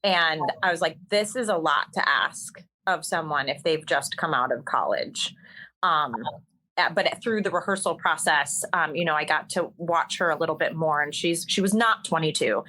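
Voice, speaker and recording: In a low-quality recording with a bit of hiss or hum, a woman speaks in a deep, sharp-toned voice at a moderate pace. She's a stage actor and singer appearing as an interview guest, storytelling casually and chattily, full of ums, fillers, and restarts.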